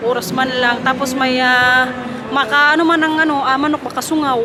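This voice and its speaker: A woman's voice: sits high, little pitch movement, normal speed. A young Filipina woman with a Filipino accent, chatting casually and giggling in a travel vlog, mixing in English. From Philippines. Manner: chatty, giggly, mixes English into her talk. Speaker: vlogger. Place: busy city streets and shops. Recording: noisy street phone recording. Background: crowd and traffic noise.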